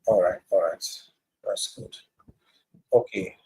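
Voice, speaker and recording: Host on a video call: man with a low, husky voice, walking through a chart in a casual market breakdown. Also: takes it slowly, mellow, low-quality recording. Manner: walks through a price chart step by step. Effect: voice heard over a video call. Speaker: crypto trading host sharing his screen.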